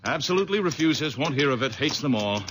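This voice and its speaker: This young adult man acts in a 1970s radio drama as an eager, friendly young man, speaking fast in an eager, animated way. His mid-range voice stays close to an everyday one, and the old radio recording is noisy.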